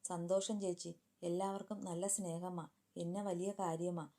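A woman's voice: on the low side, flat delivery, normal speed, dark tone, natural voice. Woman voicing an anxious young newlywed. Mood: subdued.

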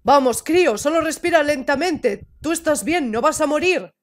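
A woman voicing a huge gruff male wolf in a game, speaking softly and soothingly. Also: expressive, measured pace, full character voice. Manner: soft, low, soothing.

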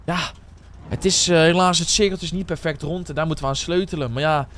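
A man's voice: on the high side, a little fast, a bit bright. A man, chatting casually with viewers and calling them guys and bro while playing a game. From Netherlands. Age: 20s. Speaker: streamer and server owner. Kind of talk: casual live-stream chat while playing.

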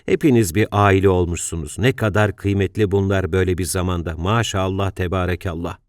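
A man voicing a kindly, pious engineer in his sixties who speaks in a gentle, grateful, soft way. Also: deep voice, brisk, no room sound, clean studio sound, close to an everyday voice. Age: 60s.

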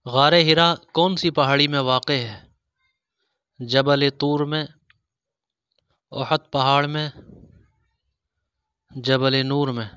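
A man reading religious quiz questions, pausing over each option before he gives the answer. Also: medium pitch, steady tone, pushed and bright, smooth, no room sound, clean studio sound. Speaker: quiz host. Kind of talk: scripted quiz narration.

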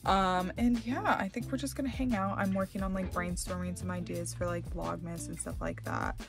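A woman's voice: fairly low pitch, animated, moderate pace, gravelly, music in the background. A young woman in her twenties chatting casually to the camera from inside her RV, rambling with lots of fillers. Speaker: vlogger. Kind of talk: casual vlog chat.

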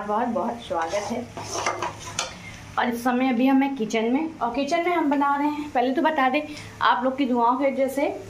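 Chatty high-voiced woman in kitchen. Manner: chatty, rambling, motherly. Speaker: vlogger. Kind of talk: casual cooking vlog chat. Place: small home kitchen. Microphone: phone camera at arm's length. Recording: echoey kitchen, faint frying noise.

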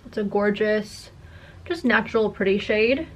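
A woman's voice: medium pitch, measured pace, a little hiss or hum. Young woman with a slushy, lisping s. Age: 20s. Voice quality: slight lisp with slushy s sounds. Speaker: content creator. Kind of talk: casual chat to camera. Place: carpeted attic-style room indoors.

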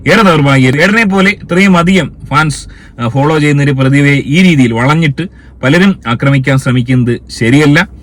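A man's voice: a little high, normal speed, a bit bright. A man hosting a commentary video, scolding and indignant, firing rhetorical questions in a heated opinion rant. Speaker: commentary channel host.

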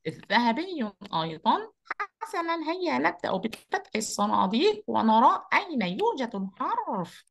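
A woman's voice: high-pitched, moderate pace, gravelly, exaggerated voice. Woman voicing Oudi, a cheerful rabbit. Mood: playful. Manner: lively, upbeat, speaks to children. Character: cheerful energetic male rabbit storyteller. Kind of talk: children's online lesson role-play.

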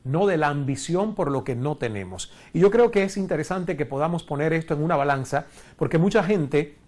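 A Cuban man in his forties teaches a recorded online course, standing before a screen in a studio with a lapel mic. His voice is on the high side with a darkish tone, and he speaks earnestly, posing rhetorical questions.

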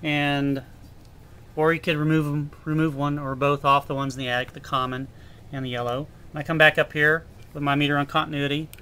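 A man's voice: a little high, level tone, a little fast, pushed and bright, a little hiss or hum. A man, an HVAC technician, talking casually and rambling through an unscripted how-to demonstration. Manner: casual, rambling, restarts often. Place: indoor workshop floor.

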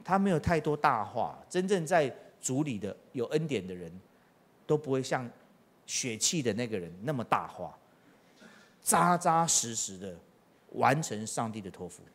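A man's voice: mid-range voice, big pitch swings, normal speed. A middle-aged man preaching a sermon as pastor, telling stories with acted-out quotes and rhetorical questions. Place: church.

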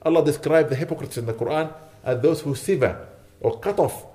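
A man's voice: a little high, a little fast, dark tone, slight background noise. A man delivering a sermon as a sheikh, urging his listeners with repeated rhetorical questions. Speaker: sheikh giving a lecture. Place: lecture hall.

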